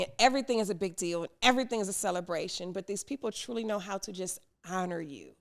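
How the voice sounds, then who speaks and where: A woman's voice: mid-range voice, vocal fry. A woman from the United States hosting a podcast, telling a story animatedly and acting out the people in it. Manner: animated, acts out quoted people, laughs often. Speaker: podcast host.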